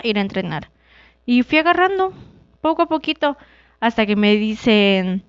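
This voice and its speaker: A woman's voice: no room sound, lo-fi sound. A young woman from Mexico, a wrestler being interviewed, telling her story casually and acting out the dialogue. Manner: animated, acts out quoted dialogue with shifting pitch. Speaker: guest, wrestler.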